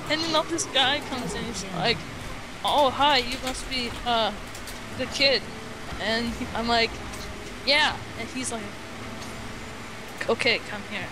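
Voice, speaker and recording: A woman whose voice sits on the high side tells an improvised story in a casual chat, halting, rambling, and acting out the lines of dialogue. The audio has the noisy feel of an amateur voice chat.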